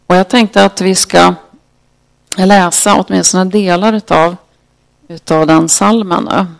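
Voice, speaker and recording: A preacher with a gravelly, creaky voice gives a devotional talk. The delivery is unhurried and halting with fillers, and the scripture is read slowly and solemnly. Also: medium pitch, fairly even intonation.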